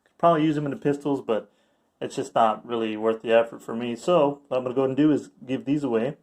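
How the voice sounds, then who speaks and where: A young man with an average-pitched voice talks to the camera in a casual review style. He is informal and slangy, with an enthusiastic manner, like a hobbyist vlogger speaking off the cuff. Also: fast, darkish tone. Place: backyard outdoors, later a room indoors.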